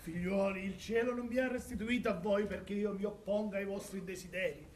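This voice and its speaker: Man acting a high-voiced, generous old gentleman. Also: fairly even intonation, brisk, close to an everyday voice. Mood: benevolent, reassuring. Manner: declamatory, placating, repeats phrases. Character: generous, genial older gentleman, father reunited with children. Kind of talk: theatrical stage comedy. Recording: distant, echoey, noisy theatre stage.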